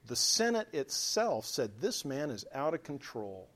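Pastor guy preaching, bit higher voice, goes quiet then punches it up. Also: very animated, unhurried. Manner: earnest preaching, swings from hushed to emphatic. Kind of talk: sermon.

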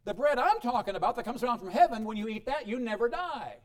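A man preaching a sermon, reading scripture aloud and explaining it with dramatic swings in loudness and frequent chuckles. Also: expressive, fast. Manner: dramatic shifts in pitch and volume, chuckles often.

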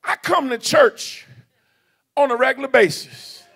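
A male preacher delivers a fervent sermon in a church, swinging from low asides into shouted bursts and call-and-response. His voice sits very high with a gravelly rasp and a sharp, bright edge. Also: measured pace. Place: church sanctuary.

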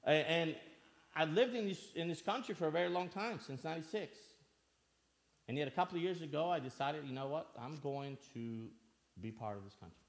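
A man's voice: a little high, lively intonation, brisk, gravelly. A man from Albania preaching a sermon in church, earnest, asking the listeners questions and repeating phrases for emphasis.

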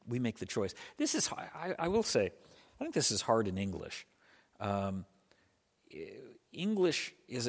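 A male pastor gives an easygoing, conversational sermon at a medium pitch. He explains step by step and often circles back to restart a phrase. His voice carries a long reverberant tail from the church hall.

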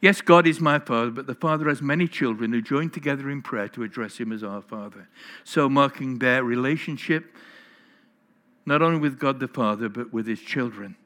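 A man's voice: medium pitch, a bit bright. A man preaching a sermon in church, earnest and putting questions straight to the congregation. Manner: earnest, questioning the listeners directly. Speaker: pastor.

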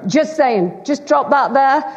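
A guest preacher, a middle-aged Lancashire-accented woman from Bolton, Greater Manchester, England, gives a teasing, chatty and self-deprecating sermon to a church congregation. She speaks slowly and expressively in a high voice, and the church hall recording is dull with a long reverb.

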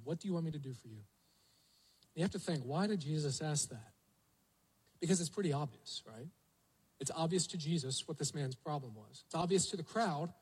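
Husky-voiced man preaching a sermon. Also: a little high, low-quality recording. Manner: storytelling, lively rhetorical questions to the congregation. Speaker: pastor.

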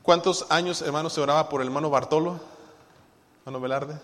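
A male pastor preaching a sermon to his congregation, asking them rhetorical questions and moving between hushed asides and loud, emphatic lines. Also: fairly high pitch, fairly even intonation, fairly quick. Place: church sanctuary. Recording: long hall reverb.

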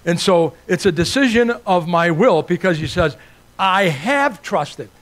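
Preaching as a guest, an older man from Italy speaks in a slightly high, expressive and unhurried voice. He earnestly builds his points through repeated, rising lists.

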